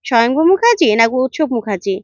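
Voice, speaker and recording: A woman's voice: high-pitched, very animated, quick pace, darkish tone, no echo. Woman doing a prying, mysterious caller. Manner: prying, urgent. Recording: dull dry lo-fi recording.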